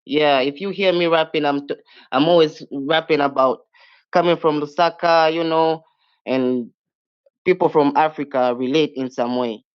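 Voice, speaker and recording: A man's voice: fairly high pitch, fairly even intonation, normal speed, clean tone. A young man from Zambia, a rapper guest who answers in a hesitant way with many fillers. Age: young adult. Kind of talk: casual interview answers. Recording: dull lo-fi sound.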